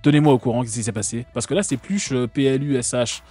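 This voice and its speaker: A man's voice: medium pitch, steady tone, fast talker, warm tone, slightly rough, soft background music. A man from France hosting a live stream, talking casually and sarcastically with many fillers and restarts.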